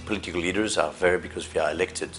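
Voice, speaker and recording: A man speaking as an event organizer in an interview, deliberate and pausing with fillers. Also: deep voice, fairly even intonation. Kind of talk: interview soundbite. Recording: faint music underneath.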